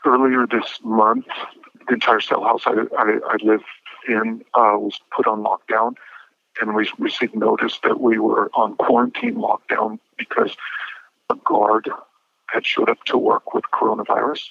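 A man in his fifties speaking as an incarcerated interview guest over a prison phone line, measured and a little hesitant, with small restarts. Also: on the low side, big pitch swings, gravelly, fairly bright tone, slightly rough, no echo. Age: 50s. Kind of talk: telephone interview. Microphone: prison telephone handset. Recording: muffled phone line, dry.

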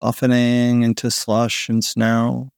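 A man narrating a guided sleep meditation in a slow, soothing manner with long pauses, like a sleep story narrator. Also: medium pitch, monotone, gravelly, clear, resonant tone, no room sound, studio quality. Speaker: podcast host guiding a sleep meditation.

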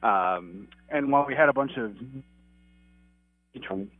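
A man's voice: medium pitch, unhurried, husky, no room sound, faint music behind. A man calling in to an interview over a clipped phone line, talking earnestly in a rambling way with restarts and fillers. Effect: clipped phone line that cuts out. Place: outside his office. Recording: tinny dry phone line.

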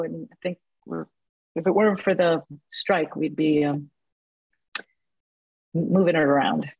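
A husky woman in her early sixties chats as an interview guest. She tells her stories in an animated way, laughs often and fills her talk with "you know" and "um". She sounds close and dry, with no room around her. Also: fairly low pitch, no room sound, low-quality recording. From born in Cuba, raised in New Jersey. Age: 60s. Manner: animated storyteller, laughs often, many fillers. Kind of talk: casual interview chat.

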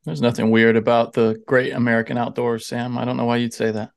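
A man's voice: mid-range voice, little pitch movement, brisk, vocal fry. A man co-hosting a podcast from a cabin, ribbing the others with teasing, laughing jabs. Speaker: podcast co-host. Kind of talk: casual podcast chat. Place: remote cabin.

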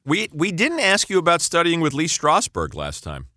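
A man's voice: on the high side, wildly swooping pitch, normal speed, bright, forceful tone, no room sound, studio quality. A man co-hosting a podcast, asking questions in casual interview chat.

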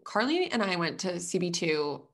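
A woman co-hosting a casual podcast, talking in an animated, chatty way and laughing often. Her voice sits a little low for a woman. She tells her stories with plenty of energy. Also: normal speed. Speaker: podcast co-host. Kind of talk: casual chat. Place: away from home, recording remotely. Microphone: headphones over both ears.

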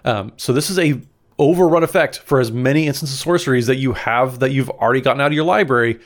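Brief: male podcast co-host, mid-pitched, eager and chatty, reads card text aloud. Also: fast. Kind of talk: casual podcast chat.

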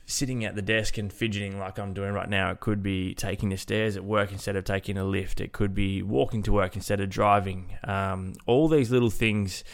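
This fitness coach and podcast host runs an informal solo show, his lowish voice nasal, congested and creaky. He talks at a normal speed in a steady tone, with hardly any pauses.

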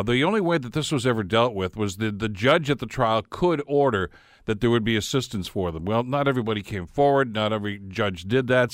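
A man's voice: medium pitch, no room sound, studio quality. A man hosting a radio talk show. He talks conversationally and often repeats words as he frames his questions. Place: radio studio. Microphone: studio microphone.

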